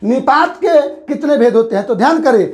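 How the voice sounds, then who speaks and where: A man's voice: very high voice, expressive, normal speed, darkish tone. A man teaching a grammar lesson for exam preparation, who asks questions and answers them himself and repeats the key terms.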